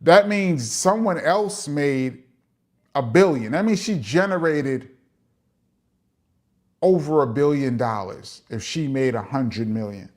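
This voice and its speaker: A man's voice: mid-range voice, expressive, slow, a little mellow. A middle-aged man with a New York accent, hosting a casual live chat and reading out viewer comments, chatty, with frequent "um" fillers and laughs.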